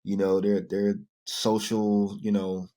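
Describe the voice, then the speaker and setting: A man in his thirties with a very low, deep voice, chatting casually as a podcast co-host. He tells stories in an easygoing way, full of "you know" and "like". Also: takes it slowly. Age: 30s. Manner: relaxed storytelling, many fillers. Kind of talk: casual chat.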